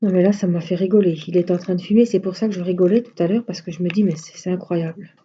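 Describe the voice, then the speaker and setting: Dark-voiced woman chatting casually. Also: on the low side, steady tone, quick pace, slightly rough, lo-fi sound. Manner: chatty, rambling anecdotes. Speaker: craft live-stream host. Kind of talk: casual chat on a live stream.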